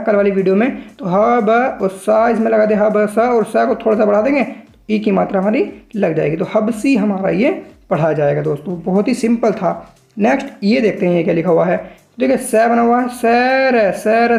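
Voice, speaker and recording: A woman teaching shorthand in a patient tutorial, slowly spelling out each stroke and repeating syllables. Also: a little high, vocal fry, darkish tone, echoey room. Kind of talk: step-by-step tutorial explanation.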